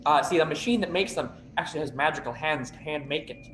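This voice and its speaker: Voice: medium pitch, fast talker, fairly bright tone, echoey room, a little hiss or hum, close to an everyday voice. A game master voicing a chipper male host of a food-court temple, eager to please and rambling with fillers. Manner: chipper, eager-to-please counter-service patter.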